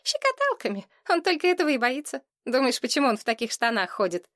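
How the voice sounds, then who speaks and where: A bossy young girl who always knows best, read by a woman in a storybook. Her voice is high and pointed, recorded close and dry. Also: big pitch swings, fast talker, a bit bright, no echo. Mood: eager.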